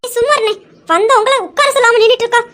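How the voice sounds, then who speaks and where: A woman's voice: extremely high pitch, fairly even intonation, very fast, a bit bright. A woman voicing a bossy, scheming young wife who scolds and argues sharply in a home-made audio drama. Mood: scolding.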